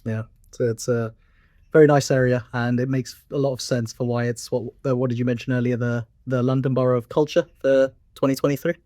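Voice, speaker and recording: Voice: mid-range voice, fairly even intonation, fairly quick, mellow, dry recording, studio quality. Casual recruiter hosting a podcast. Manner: friendly, casual, stumbling over questions. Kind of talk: podcast interview.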